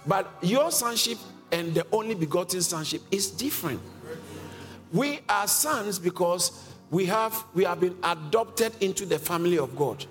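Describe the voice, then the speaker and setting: A man with a high, fairly bright voice and lively intonation preaches at a moderate pace, teaching from scripture. He presses his points emphatically, asks the congregation questions, and often chuckles, against faint music in an echoing hall.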